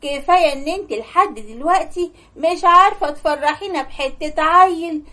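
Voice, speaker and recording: A woman voices a domineering Egyptian mother-in-law in an animated story. She scolds in a high, cutting voice, full of mockery. Her contempt never lets up. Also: normal speed. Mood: scornful. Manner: sharp, mocking, bossy scolding.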